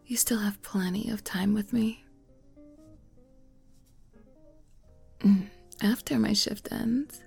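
A woman performing a whispered role-play as a doting, flirty, motherly woman, intimate and close as if right in the listener's ear, coaxing softly. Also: medium pitch, fairly even intonation, vocal fry, slightly rough, faint music behind, exaggerated voice. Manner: slow, coaxing, soft giggles.

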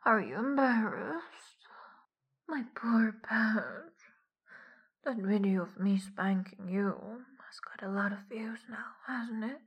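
A woman giving a whispered audio roleplay in a soft, teasing whisper as the dominant partner. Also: fairly high pitch, slow, slightly rough, muffled recording.

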